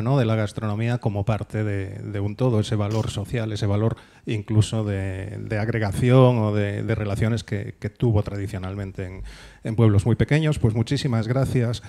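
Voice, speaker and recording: A man moderating a round-table discussion, introducing the guests in a measured way with small hesitations. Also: on the low side, little pitch movement, mellow.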